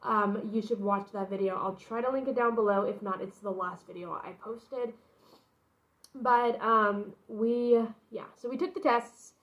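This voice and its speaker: On a low-quality recording, a young woman with a mid-range, fairly bright voice speaks a little slowly to camera. She casually recounts her pregnancy announcement, wandering off into frequent asides.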